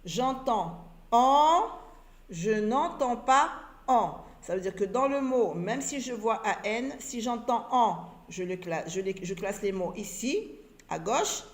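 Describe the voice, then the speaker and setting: A woman teacher leads a reading lesson, drawing each word out slowly and repeating it so young learners can follow. Her voice sits at an ordinary middle pitch. The room around her has a noticeable echo. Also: expressive. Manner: slow, deliberate, repeats each word and syllable. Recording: roomy echo.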